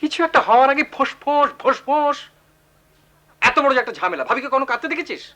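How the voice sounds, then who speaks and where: A mocking older brother. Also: male voice, very high-pitched, animated, fast, bright, forceful tone, highs cut off, exaggerated voice. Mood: scolding. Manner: mocking, lecturing. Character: teasing, blunt older brother. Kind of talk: 1980s TV drama acting.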